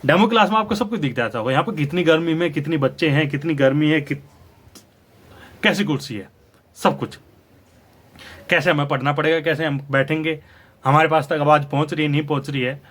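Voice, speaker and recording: A man's voice: fairly high pitch, a little fast, pauses often, fairly bright tone. A young man giving opinionated, lecturing commentary straight to his viewers as a news channel host. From India. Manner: lecturing, argumentative, addresses viewers directly.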